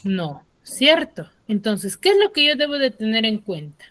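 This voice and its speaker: A woman's voice: on the high side, big pitch swings, a little slow, a bit bright, dry recording. A woman teaching an online class on a video call, drilling students with repeated questions.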